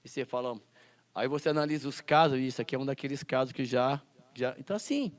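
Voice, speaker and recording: Speaking fast at a medium pitch, a man teaches a Bible school lesson, quoting scripture and posing rhetorical questions to the class. He also acts out classroom scenes.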